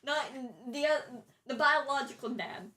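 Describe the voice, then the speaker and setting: High-voiced woman player, far from mic. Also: moderate pace, a crowd in the background. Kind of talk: casual tabletop play chat. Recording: distant mic with noise.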